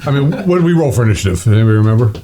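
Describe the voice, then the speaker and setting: A man playing a tabletop game, casually asking the group quick questions about the rules. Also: on the low side, lively intonation, a crowd in the background. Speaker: player.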